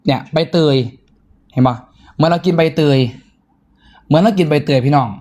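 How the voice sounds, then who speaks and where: A man with a northeastern Thai Isan accent delivers a loud, excitable sales pitch on a live stream at normal speed, breaking suddenly into high squeals.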